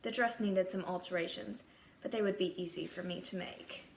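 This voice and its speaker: A woman with a voice on the low side reads at a moderate pace, narrating a scripted children's fairy tale in first person as a princess. The recording sounds echoey, with clear background noise.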